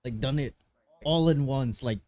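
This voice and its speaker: A man's voice: mid-range voice, moderate pace, darkish tone. A man co-hosting a podcast, telling a story in slangy, laughing casual chat. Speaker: podcast co-host.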